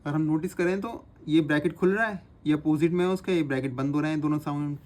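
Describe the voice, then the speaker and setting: A man teaching a shorthand lesson, his voice a little higher than most men's. He talks patiently and repeats each sound slowly as he writes it out. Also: darkish tone. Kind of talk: instructional lesson, repeating drills aloud.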